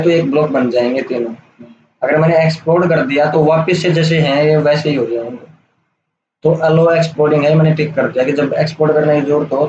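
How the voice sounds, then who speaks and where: A man giving a casual, step-by-step software tutorial over a screen recording, checking in often with the listener. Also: on the high side. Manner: casual, explains step by step with "theek hai" checks. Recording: roomy, dull lo-fi sound with faint hiss.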